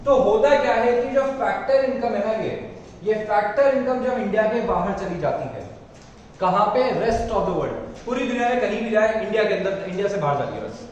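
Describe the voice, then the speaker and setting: A man's voice: sits high, lively intonation, brisk, a little mellow, muffled recording. A male economics teacher giving a classroom lecture, asking questions and answering them himself, repeating key terms and mixing English terms into Hindi. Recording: echoey room, voice from far off, faint noise.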